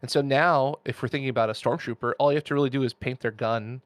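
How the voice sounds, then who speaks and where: A man's voice: mid-range voice, steady tone, fast, no echo. A man as a podcast guest, giving chatty, detailed explanations of painting technique with jokes and asides.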